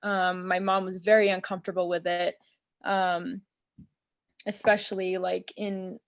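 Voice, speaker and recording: Her voice sits fairly low and unhurried: a young American woman appearing as an interview guest on a video call. Indoors in a small room at home, she chats casually in a relaxed, earnest, thoughtful way, leaning heavily on "um" and "like."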